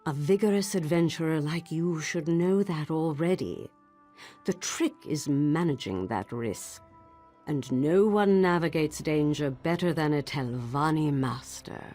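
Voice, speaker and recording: Haughty old sorceress, low husky voice, commanding, formal, fantasy game. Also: female voice, lively intonation, unhurried, mellow, faint music behind. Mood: stern, proud. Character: imperious, haughty old female wizard master. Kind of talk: fantasy game dramatic acting.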